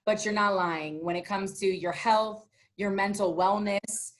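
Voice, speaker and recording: A woman radio host chatting casually and warmly in an interview, full of fillers and enthusiasm. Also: medium pitch, fairly even intonation, unhurried.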